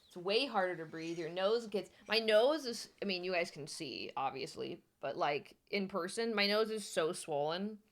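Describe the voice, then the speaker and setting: A woman's voice: lowish voice, lively intonation, normal speed, hardly any pauses. A young woman with a Wisconsin accent chatting casually on a livestream in a candid, giggly, teasing way. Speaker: livestream host.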